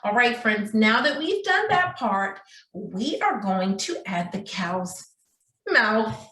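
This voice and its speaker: Her voice is a little high, very animated, slow and sharp in tone as this preschool teacher walks young children through a craft. She speaks sing-song, calls them friends and keeps asking check-in questions; the recording has roomy echo from a distant microphone.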